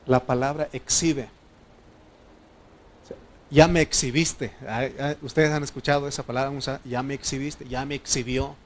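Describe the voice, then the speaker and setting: A man with a Mexican Spanish accent preaching a sermon as pastor, swinging between loud declarations and quiet asides to the congregation. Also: a little high.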